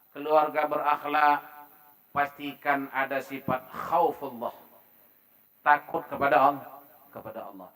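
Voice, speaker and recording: Male religious lecturer, mosque forum talk, slightly high-pitched, animated delivery that jumps from loud stresses to soft asides, acts out little exchanges. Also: poor audio. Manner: lively preaching, swinging between loud emphasis and quiet asides; acts out everyday dialogue to make points. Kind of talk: Islamic religious talk to a congregation.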